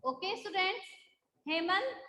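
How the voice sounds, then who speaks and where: A woman's voice: extremely high pitch, expressive, a little slow, sharp tone, reverberant, rough recording. A woman school teacher taking a live online class, patiently drilling syllables and checking that the students follow.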